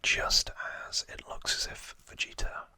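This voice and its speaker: An informal host recaps trivia in a very bright, breathy ASMR whisper with no full voice, musing through it and adding hesitant asides. He's unhurried, and there's no room sound.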